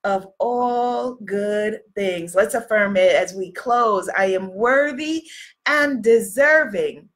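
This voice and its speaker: A woman leads affirmations on a live video stream in her role as spiritual coach, repeating them encouragingly and reading out viewer comments. Her medium-pitched, fairly bright voice is slow, and she sniffles from a cold.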